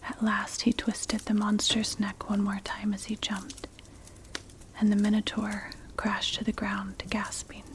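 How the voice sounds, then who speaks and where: A woman narrating a story for ASMR in a breathy, unvoiced whisper, gentle and measured, close to the mic. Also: medium pitch, completely flat delivery. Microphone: close mic, ear-to-ear ASMR. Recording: clear background noise, clicks. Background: crackling fire.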